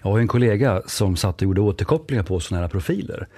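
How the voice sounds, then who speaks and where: A man's voice: on the low side, slightly rough, dry recording. En man från norra Sverige med norrländsk dialekt som pratar i en podd och livligt spelar upp dialoger när han berättar. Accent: northern Swedish. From northern Sweden. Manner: lively storyteller, acts out dialogue. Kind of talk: podcast conversation.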